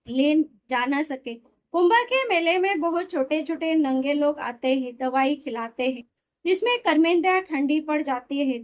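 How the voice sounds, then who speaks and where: A woman reading a spiritual discourse aloud in a steady, explanatory way, sometimes correcting herself mid-word. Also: high voice. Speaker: reader of a daily spiritual discourse.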